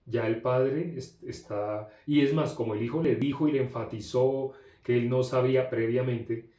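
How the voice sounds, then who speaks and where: Emphatic preacher in an echoey room. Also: male voice, mid-range voice, steady tone, normal speed, warm tone. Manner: repetitive, emphatic rhetorical questions. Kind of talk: sermon storytelling.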